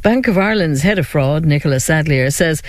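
Woman newsreader with lively intonation. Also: low voice, fairly quick, no room sound, studio quality. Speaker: radio newsreader. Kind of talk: news bulletin.

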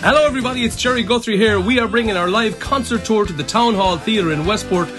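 A man's voice: sits high, fast. A man, a singer, reading a scripted radio promo for a concert. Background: music.

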